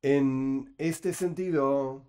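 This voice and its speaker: A man with a Rioplatense Spanish accent teaching a Torah class online, talking quickly with joking asides, into a computer microphone. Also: mid-range voice, a little mellow, smooth.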